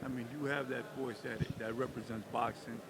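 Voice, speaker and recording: A man with a medium-pitched voice conducts a casual interview. Clear on-location noise surrounds his conversational questions. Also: steady tone, brisk. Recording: clearly noisy on-location ambience.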